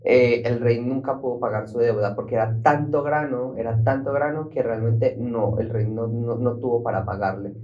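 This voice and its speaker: A man, co-hosting a podcast in casual, animated chat and teasing as he tells stories. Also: medium pitch, normal speed, few pauses, dull audio. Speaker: podcast co-host. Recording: roomy echo, voice far from mic.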